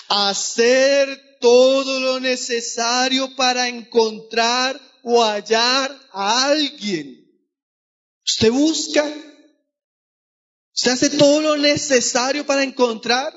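A man's voice: extremely high pitch, fairly even intonation, slow pace, fairly bright tone, dull audio. A man preaching a sermon, earnestly calling his listeners brothers. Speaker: pastor.

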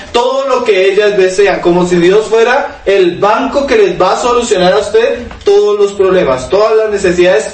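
A man preaching a sermon, asking rhetorical questions and reading scripture aloud to his listeners. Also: high-pitched. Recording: echoey room, mic at a distance, faint noise.

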